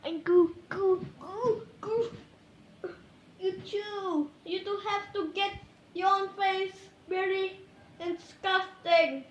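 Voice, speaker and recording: A woman's voice: very high voice, steady tone, takes it slowly, roomy sound, dull audio, a little hiss or hum. A woman chatting playfully to her viewers in a silly vlog, giggling and talking to herself as she goes. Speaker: vlogger.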